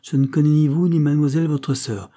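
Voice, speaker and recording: A stern male ex-captain who speaks in clipped, cold, peremptory refusals. The voice is dark and husky, a little raised above a reader's plain tone, from a man reading a storybook. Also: on the high side, steady tone, quick pace, voice pushed up, natural voice. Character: stern middle-aged male former sea captain.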